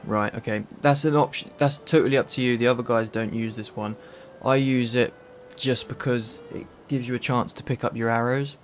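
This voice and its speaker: A man's voice: mid-range voice, fairly even intonation, moderate pace, hardly any pauses, a little hiss or hum. A man with a London accent, casually reading through a list of game mods with a friend. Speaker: streamer. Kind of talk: casual gaming chat.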